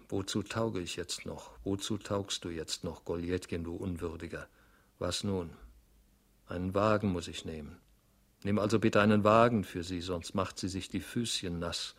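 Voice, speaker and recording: A nervous, fretful clerk in middle age, as a man reading a novel aloud puts him on, speaking in hushed, worried tones that sink into self-reproach. The voice sits low and quiet, like a storybook reading rather than a staged drama. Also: normal speed. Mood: despairing. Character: anxious fretful middle-aged male clerk. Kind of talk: audiobook reading.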